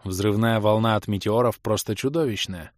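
A man narrating a first-person fantasy game audiobook in a dramatic, steady storytelling manner. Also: on the low side, moderate pace, no echo, studio quality.

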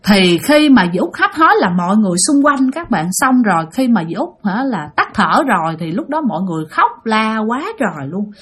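A woman with a Southern Vietnamese accent narrating a ghost story in an animated, chatty way, speaking straight to her listeners. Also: mid-range voice, a little fast, hardly any pauses, slightly rough.

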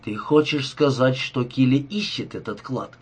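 A man's voice: mid-range voice, moderate pace, breathy edge, close to an everyday voice. A man reading a jittery club owner. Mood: alarmed. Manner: anxious, flustered. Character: nervous, greedy male nightclub owner.

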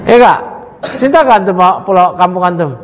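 Fast and lively, a male Islamic teacher with a high-sitting voice reads Arabic lines from a creed text, explains them in a joking, casual way, and quizzes his audience. Crowd noise and long hall reverb fill the recording.

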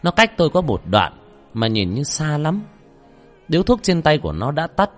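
A male storyteller tells a ghost tale in a lively, swinging voice. He shouts out names when the tension peaks. Soft music plays faintly behind him. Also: a little high, moderate pace. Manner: shouts out names during tense scenes. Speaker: storyteller and host. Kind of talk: dramatic horror story narration.

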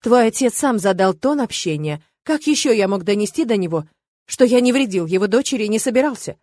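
A woman's voice: mid-range voice, animated, fairly quick, darkish tone, dry recording, close to an everyday voice. A woman reading aloud and voicing a young nobleman who speaks firmly and patiently to his wife in an audiobook. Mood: firm coaxing. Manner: patient, reproachful, firm. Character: young nobleman, husband, firm but tender.

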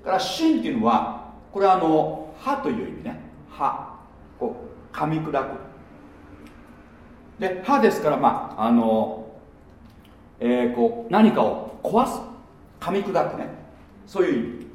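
Animated man teaching in an echoey room. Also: on the high side, measured pace, long pauses, distant mic. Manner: animated, chatty, many fillers and asides. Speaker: pastor teaching a church gathering. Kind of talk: casual sermon teaching from a whiteboard. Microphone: no microphone, speaking in natural voice.

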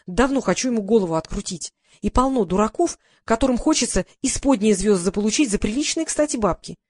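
A woman reading the lines of a sharp, scornful female press secretary in an audiobook. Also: mid-range voice, lively intonation, fast, no echo, lightly acted. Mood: mocking. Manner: sarcastic and scornful.

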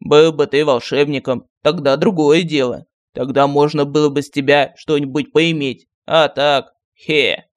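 A man's voice: fairly high pitch, little pitch movement, normal speed, few pauses, clear, resonant tone, no room sound, close to an everyday voice. A man voicing a sarcastic, practical talking medallion that mocks others in a dry way, in an audiobook. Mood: mocking. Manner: mocking and dry.

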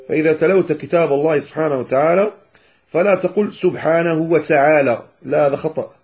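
A man from Morocco, teaching Quran pronunciation and slowly demonstrating letter sounds. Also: on the high side, darkish tone. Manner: addresses listeners as brothers, demonstrates sounds slowly. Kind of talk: tajweed lesson explaining pronunciation. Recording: dull lo-fi lecture recording.

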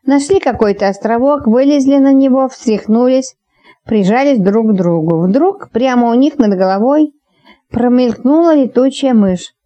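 A woman narrating an audiobook, reading lively and shifting her pitch to voice each character. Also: moderate pace, lo-fi sound.

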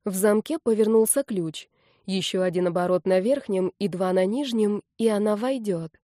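A woman reading an audiobook in the first person, with a lively, expressive delivery. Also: mid-range voice, moderate pace, dry recording, studio quality. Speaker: audiobook narrator.

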